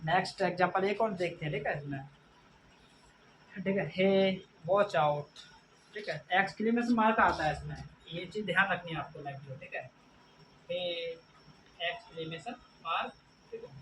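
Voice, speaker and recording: A man teaching an English grammar lesson, reading out examples slowly and repeating a filler after nearly every phrase. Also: sits high, a bit bright. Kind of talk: classroom lecture. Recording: distant mic with faint background noise.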